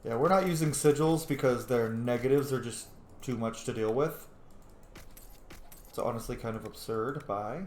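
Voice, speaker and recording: A let's play host speaks at medium pitch and a moderate pace, offering relaxed gameplay commentary while thinking out loud and muttering to himself. The audio carries a roomy echo along with faint background noise.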